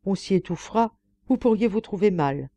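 A woman reader voicing a grand, generous stage tragedienne who talks briskly and commandingly in an audiobook. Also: mid-range voice, lively intonation, warm tone.

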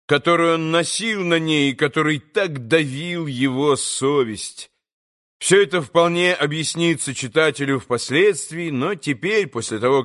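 Man narrating an audiobook. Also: a little high. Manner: measured, expressive reading. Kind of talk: scripted narration of a classic novel.

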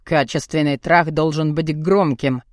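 This audiobook character, a gruff, bearded, burly man voiced by a woman narrator, speaks low and unhurried with fairly even intonation. Brazen and lecherous, he delivers his lines bluntly, mockingly, and commandingly, recorded close with no room sound.

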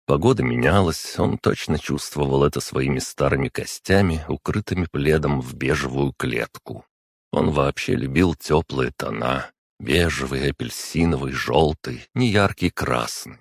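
Very deep, husky male narrator. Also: dry recording, studio quality. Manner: steady, measured reading. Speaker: audiobook narrator. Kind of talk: scripted narration.

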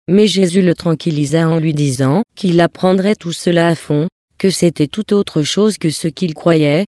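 A reader giving a steady, even scripted narration of a religious text for an audiobook. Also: mid-range voice, dry recording, studio quality.

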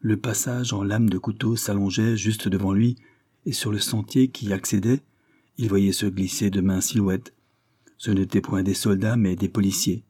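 A man reading a novel aloud as an audiobook narrator, with steady, measured narration. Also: fairly low pitch, breathy edge. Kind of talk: scripted narration.

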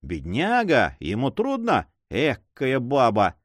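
A man's voice: mid-range voice, wildly swooping pitch, takes it slowly, dry recording, studio quality, full character voice. A man voicing a coarse pirate henchman who talks in a mocking, offhand way. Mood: jeering.

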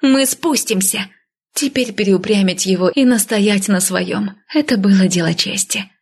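Gravelly-voiced woman narrating an audiobook. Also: medium pitch, moderate pace. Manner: lively, voicing a headstrong heroine, with whispered lines. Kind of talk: first-person fantasy audiobook narration.

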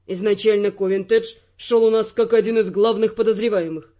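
A woman's voice: mid-range voice, fairly even intonation, brisk, dark tone, highs cut off, voice pushed down, lightly acted. A woman voicing a wry, persistent young male secret agent who argues his point evenly. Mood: reasoning.

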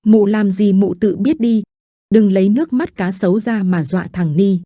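A bitter, sneering drunken man with a lilt, as a woman storyteller puts him on. He talks coldly through his teeth, in a dark, mellow tone with a dry, close sound, like a figure in an audio story. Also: mid-range voice, moderate pace, breathy edge, dry recording, close to an everyday voice. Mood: scornful. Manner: cold, scornful, hissing through teeth. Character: bitter, sneering drunken male village teacher.

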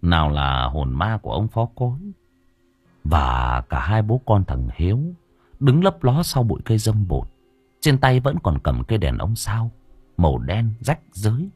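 A man narrates a ghost story with lively, dramatic intonation. His voice is husky and the recording is dry. Faint music plays underneath. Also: on the low side, normal speed, no room sound. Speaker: audiobook narrator.

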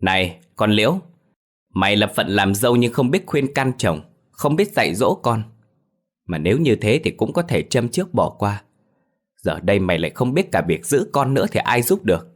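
A man's voice: on the low side, very animated, moderate pace. A man voicing an arrogant, mocking elderly clan head who domineers over his relatives in an audio ghost story. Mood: scornful.

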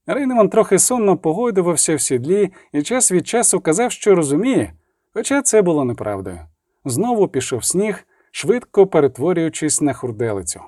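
A man narrating an audiobook in a measured, even storytelling manner. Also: fairly high pitch, dry recording, studio quality.

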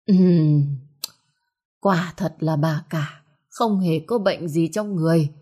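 Woman doing an old village healer, grave, deferential, hesitant, lowish voice. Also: takes it slowly, mellow, husky, exaggerated voice. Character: cautious older male village healer.

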